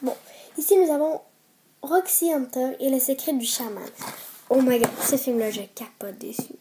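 A woman's voice: high voice, normal speed, noisy background. A woman with a Québécois French accent chatting through casual film reviews, hesitant with many fillers but enthusiastic.

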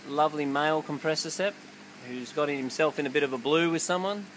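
A man's voice: a little high, a little fast, slight background noise, poor audio. Man casually showing fish tanks. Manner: relaxed, offhand, with fillers. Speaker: aquarium keeper. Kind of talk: casual on-site explanation.

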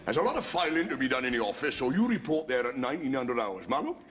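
An actor playing a scheming Welsh army sergeant major in a TV sitcom, who chuckles and calls the men lovely boys. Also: male voice, mid-range voice, very animated, quick pace, a bit bright, a little hiss or hum. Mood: mock-friendly. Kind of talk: 1970s TV sitcom acting.

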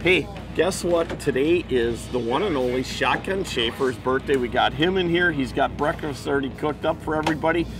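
A man's voice: fairly high pitch, normal speed, few pauses, music in the background, low-quality recording. A man hosting a fishing show on a charter boat, whooping and teasing his crew as fish come in. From Wisconsin. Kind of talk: excited on-boat fishing chatter. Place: open charter boat on a big lake.

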